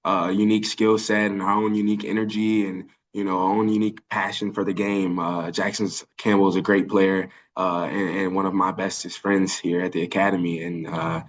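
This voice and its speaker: Low-voiced young man fielding press questions. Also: level tone, a little fast, few pauses, a little hiss or hum. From Birmingham, Alabama. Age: early 20s. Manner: earnest, many "uh" fillers and restarts. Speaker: college football linebacker. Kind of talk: press conference answers. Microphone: video call.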